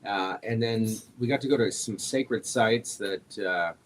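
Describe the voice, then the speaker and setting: A man co-hosting a casual roundtable chat, easygoing and wry, with many filler pauses. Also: on the low side, slight background noise, poor audio. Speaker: show co-host.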